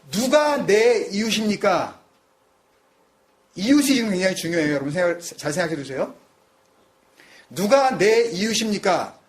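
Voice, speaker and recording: A middle-aged man preaching a sermon in an animated way, his voice pitched high for a man. He swings widely up and down as he acts out quoted voices and keeps questioning his listeners. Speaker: pastor.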